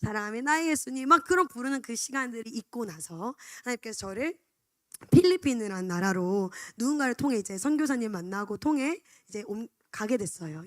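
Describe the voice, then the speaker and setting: A young woman shares her personal testimony with candid, confessional storytelling. Her voice sits a little high, and the sound is dry and close. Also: no room sound. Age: 20s. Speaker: church education staff member.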